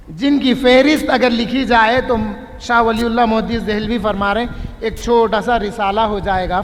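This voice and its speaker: A man's voice: extremely high pitch, fairly bright tone. A male religious scholar giving a mosque lecture, explaining points patiently through everyday examples. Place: large mosque hall. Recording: echoey hall with long reverb.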